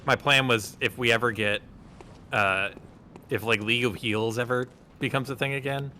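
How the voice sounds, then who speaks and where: A man's voice: medium pitch, fairly even intonation, normal speed, bright, forceful tone, a little hiss or hum. A man co-hosting a live stream, talking in a rambling, jokey way. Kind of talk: casual live-stream chat.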